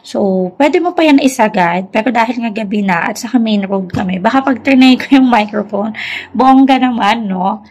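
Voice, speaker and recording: A young woman and teacher, talking softly and chattily at home at night in a casual product review vlog. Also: on the high side, normal speed, husky, highs cut off. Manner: talks softly, near a whisper, at night; chatty, mixing Tagalog and English. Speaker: teacher reviewing a lapel mic.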